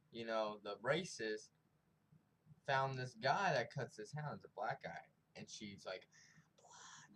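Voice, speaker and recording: A man's voice: medium pitch, a bit bright, rough recording. A young man casually recapping and reviewing a TV episode, rambling in slang and acting out the characters' lines, with faint noise behind him.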